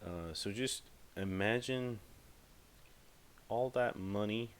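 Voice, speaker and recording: A man's voice: on the low side, slow pace, slight background noise. A man hosting a podcast, talking casually in a rambling, emphatic way with lots of fillers. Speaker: podcast host. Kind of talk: casual monologue.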